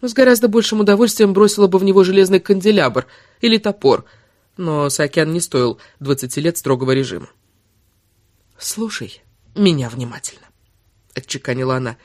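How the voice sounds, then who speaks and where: A woman narrating an audiobook with an expressive, dramatic reading. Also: fairly low pitch, brisk, no echo, studio quality. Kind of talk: scripted narration.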